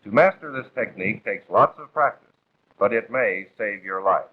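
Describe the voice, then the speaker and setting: An American man with a lowish, rough-edged voice reads 1940s training narration from a script, formal and authoritative as he instructs step by step. His intonation is lively and his pace moderate, coming through a thin, band-limited vintage film soundtrack with phone-quality sound.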